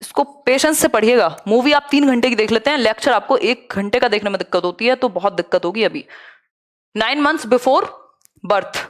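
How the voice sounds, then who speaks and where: A young woman with a Hindi accent leads a live online exam-prep lesson. Her voice sits a little high, and she keeps asking rhetorical questions while mixing English terms into her explanations. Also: moderate pace. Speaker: teacher.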